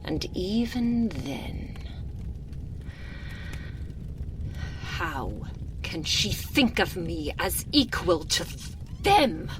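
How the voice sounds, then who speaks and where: A woman's voice: on the low side, sing-song, slow pace, background noise. A woman playing an imperious, seductive aristocratic vampire lady with wounded pride, in a languid, theatrical ASMR roleplay, close to the microphone and drifting into near-whispers. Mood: indignant, proud. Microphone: close binaural microphone.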